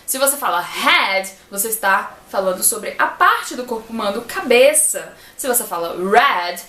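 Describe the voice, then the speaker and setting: A Brazilian woman teaching English pronunciation in a casual online lesson, lively and full of examples. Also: fairly high pitch, moderate pace, reverberant. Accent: Brazilian Portuguese.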